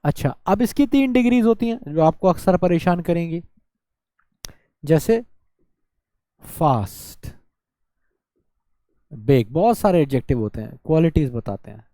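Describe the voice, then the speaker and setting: Male tutor, exam-prep lesson, self-quizzing delivery, soft dark tone, dead-dry booth. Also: on the high side, animated, a little slow, long pauses, no echo. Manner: explains by asking and answering his own questions; drawls words out to show syllables. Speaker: teacher.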